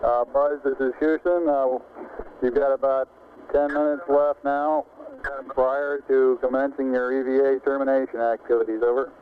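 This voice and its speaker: An American man working as capsule communicator, making measured, formal astronaut radio calls in procedural language. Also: medium pitch, level tone. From United States. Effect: radio transmission. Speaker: mission control capsule communicator. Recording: phone-like radio link with faint noise.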